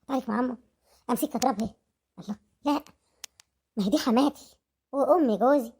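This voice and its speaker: A woman's voice: fairly high pitch, dark tone, slightly rough. A woman voicing a scared young wife who pleads and repeats herself, with an Egyptian accent. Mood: resigned.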